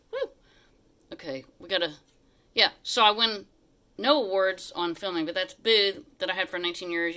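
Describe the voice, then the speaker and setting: A woman's voice: lowish voice, sharp tone. A middle-aged woman giving a casual, chatty live home tour in a small room, often getting sidetracked as she narrates behind a handheld phone. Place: small furnished living room, indoors. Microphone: handheld phone held by the person filming.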